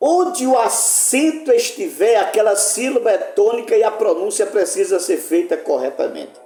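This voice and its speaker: A man lectures like a teacher, insistent and indignant. His voice sits high yet dark and mellow in tone. The sound carries a roomy echo from a home living room. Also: expressive, normal speed. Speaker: Greek teacher. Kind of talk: live online lecture.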